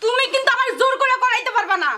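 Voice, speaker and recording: A woman's voice: very high-pitched, racing. A woman playing a sassy young wife. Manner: sharp, sassy back-talk. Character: young married daughter, sharp-tongued and defiant. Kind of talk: rural comedy drama acting.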